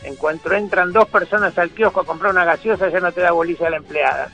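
Faint music sits behind a man whose high, sharp voice carries a Rioplatense Spanish accent. As a radio host and humorist, he runs a satirical monologue packed with sarcastic, mocking quips delivered in rapid succession.

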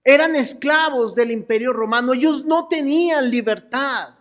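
A woman preaching to a congregation that includes children, asking them questions and now and then shouting out phrases. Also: sits high, moderate pace. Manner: animated, asks the crowd questions and calls out with them. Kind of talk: sermon to a mixed congregation with children.

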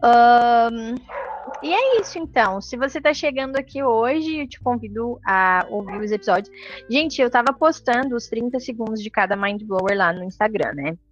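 A woman's voice: a little high, expressive, normal speed, muffled recording, faint music behind. A woman hosting a solo podcast, talking in a casual, reflective way with many fillers. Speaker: podcast host.

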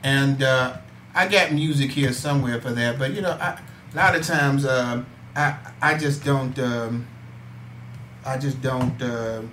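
A man's voice: medium pitch, a little slow, fairly bright tone, a little hiss or hum. A man hosting a casual talk show who gets preachy and hammers his points with repeats. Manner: preachy, building to emphatic repeats. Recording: echoey room.

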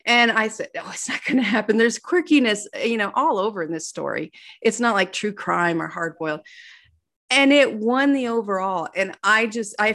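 A middle-aged woman, an author guest on an interview show, telling stories with animated, self-deprecating energy and acting out quoted dialogue. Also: mid-range voice. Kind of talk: casual interview storytelling.

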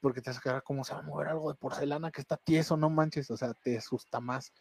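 A man's voice: fairly high pitch, steady tone, quick pace, gravelly, over a noisy crowd. A man with a Mexican Spanish accent, co-hosting a casual podcast chat and telling a ghost story with slang and laughter. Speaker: podcast co-host.

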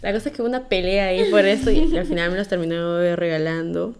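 A young Peruvian woman with a Peruvian accent, casually telling a personal story and acting out the quoted lines with a rising voice. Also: fast. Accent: Peruvian Spanish. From Peru. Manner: lively, acts out quoted lines with rising pitch. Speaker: podcast storyteller.

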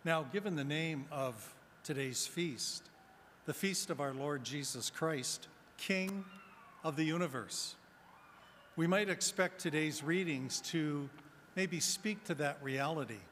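Deacon with cathedral echo, slow and measured. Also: male voice, fairly high pitch, fairly bright tone. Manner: measured, deliberate delivery. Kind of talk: gospel reading and homily. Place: large church. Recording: long church reverb, faint room noise.

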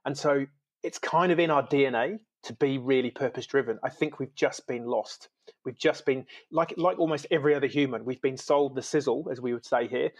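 Man from the UK, podcast guest, animated, laughs a lot, mid-pitched voice. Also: fairly quick. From United Kingdom. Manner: animated, laughs often, enthusiastic. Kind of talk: casual podcast conversation. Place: lives in New Zealand.

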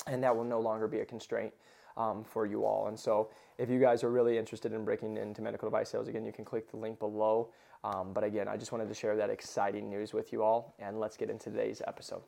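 A man with a soft, mellow tone hosts a podcast in a casual, conversational way. His r sounds come out as w. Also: medium pitch, creaky. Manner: says w for r. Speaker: podcast host. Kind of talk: upbeat podcast hosting, casual talk.

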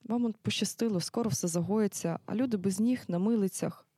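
A woman's voice: mid-range voice, a little fast, dark tone, dry recording, clean studio sound, close to an everyday voice. A woman playing a night-shift nurse who firmly scolds and lectures a soldier. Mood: stern. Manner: firm, scolding, matter-of-fact. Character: strict night-shift nurse, commanding, caring.

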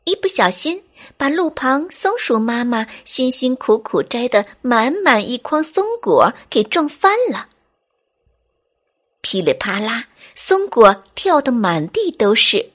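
Slow, breathy woman telling a bedtime story. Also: fairly high pitch. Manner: gentle, expressive storytelling cadence. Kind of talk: bedtime story reading for children.

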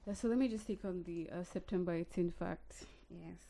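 A woman hosting a casual talk show, reading historical dates and then discussing them in a relaxed way. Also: fairly low pitch, fairly quick, vocal fry, slight background noise. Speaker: host. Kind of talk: casual radio history chat.

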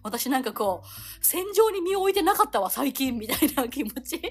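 A woman in her thirties co-hosting a podcast, telling stories in a rapid, very talkative casual chat. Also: high-pitched, very animated, soft background music. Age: 30s. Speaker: podcast co-host.

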